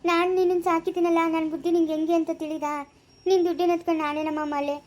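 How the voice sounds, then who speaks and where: A woman acting as a distraught village auntie, pleading in a very high voice and talking fast, her words tumbling out. She protests her innocence in an amateur family drama. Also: level tone, darkish tone. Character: middle-aged village woman, accused, pleading. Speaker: foster caretaker of Sneha.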